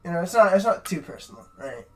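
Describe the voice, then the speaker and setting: A man's voice: high-pitched, sing-song, fast, a crowd in the background. A young man, a podcast co-host, telling a rambling, profane story in casual chat and tagging "right?" onto his sentences.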